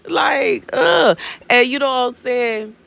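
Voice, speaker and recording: A minister in her thirties shares prophetic words with her viewers in a casual, rambling talk, often saying "you know what I'm saying" and calling them "baby." Her voice sits high and is sing-song, slow, gravelly, and fairly bright.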